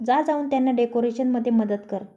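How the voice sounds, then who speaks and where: A woman's voice: a little high, a little fast, dark tone, highs cut off, close to an everyday voice. A woman voicing a stern, caring middle-aged mother. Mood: scolding. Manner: scolding, instructive.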